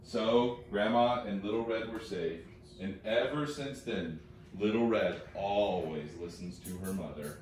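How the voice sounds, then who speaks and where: A man narrating a children's fairy tale play with expressive storytelling. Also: lowish voice, a little slow. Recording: distant, echoey, noisy home recording.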